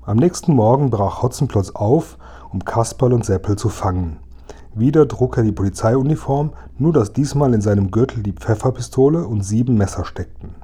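A man reading a children's book aloud as narrator, calm and even. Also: mid-range voice, normal speed, slightly rough.

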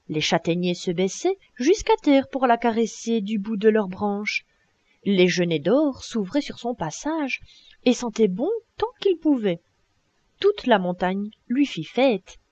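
A woman narrating an audiobook tale in an expressive storytelling manner with many exclamations. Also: fairly high pitch, measured pace, dry recording, muffled recording. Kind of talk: storybook reading.

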